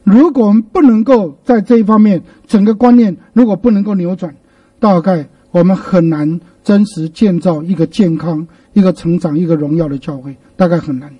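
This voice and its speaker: High-voiced pastor preaching, distant. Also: male voice, normal speed, breathy edge, no echo, highs cut off. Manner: lively storytelling with rhetorical questions. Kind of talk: sermon.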